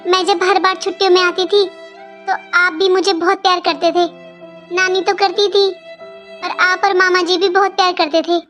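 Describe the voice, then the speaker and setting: A woman doing a very high little girl. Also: a bit bright. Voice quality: high childlike voice. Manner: pleading and talkative. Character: young girl, outspoken and earnest. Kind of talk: cartoon voice acting.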